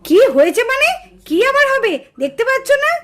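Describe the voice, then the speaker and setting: A woman voicing a quarrelsome village mother in a doll show, scolding and shouting her complaints. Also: very high voice, very animated, fairly quick, exaggerated voice. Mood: furious. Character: shrill quarrelsome village mother, easily enraged.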